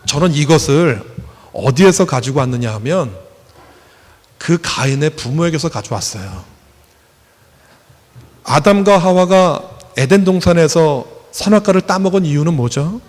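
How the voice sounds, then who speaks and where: A man's voice: a little high, animated, measured pace, long pauses, darkish tone. A male pastor preaching a sermon, putting questions to the congregation and acting out quoted voices. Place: church hall. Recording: long hall reverb.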